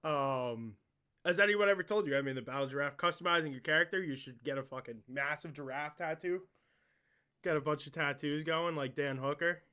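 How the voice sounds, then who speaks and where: A man hosting a casual interview podcast, excitable and joking, swearing often as he asks questions. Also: on the high side, brisk, clear, resonant tone.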